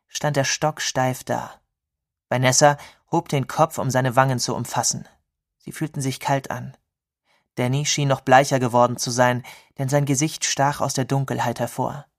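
A man narrating a novel in an expressive reading voice at a middling pitch. He slows down to lean on key words. The recording is dry and close, with no room sound. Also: no room sound. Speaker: audiobook narrator. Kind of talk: scripted narration.

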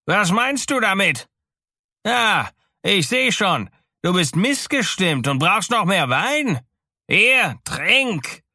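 A man voicing an impatient, raging tyrant king who shouts and bullies, in an audiobook reading. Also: sits high, sing-song, takes it slowly, dry recording, clean studio sound, pitched above the performer's own voice, heavily acted. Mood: furious. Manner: shouting, bullying. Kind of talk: audiobook character voice.

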